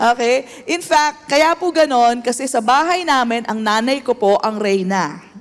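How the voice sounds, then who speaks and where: A woman's voice: on the high side, moderate pace. A woman pastor with a Filipino accent preaching a sermon, switching between Tagalog and English and calling for amens from the congregation. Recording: echoey hall.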